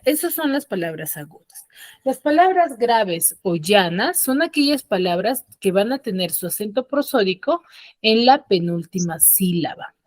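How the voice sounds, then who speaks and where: A woman with a mid-range voice teaches an online class over a computer mic on a video call. She explains patiently and checks often that her students are following. The recording is dry.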